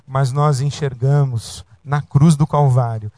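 A man's voice: medium pitch, steady tone, takes it slowly, warm tone, no room sound. A man preaching a sermon as pastor, in an emphatic, repetitive cadence.

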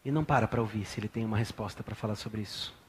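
A pastor in his thirties from Brazil preaching a sermon in a church, swinging from hushed talk to loud bursts. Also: on the low side, very fast.

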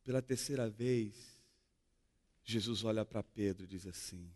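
A man with a Brazilian Portuguese accent preaching a sermon as a pastor, expressive and fond of rhetorical questions. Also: on the low side, unhurried, big-room sound. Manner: expressive, acts out dialogue and asks rhetorical questions.

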